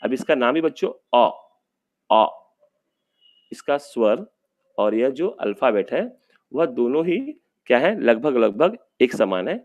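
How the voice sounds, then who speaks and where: Patient male teacher, slow vowel drills. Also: mid-range voice, sing-song, a little mellow, lo-fi sound. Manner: patient, drawn-out vowel sounds, addresses children often. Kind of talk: online class lesson for young children.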